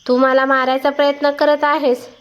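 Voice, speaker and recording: A woman reading a story aloud and voicing an angry older mother who shouts accusations. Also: high-pitched, little pitch movement, normal speed, lightly acted. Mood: furious.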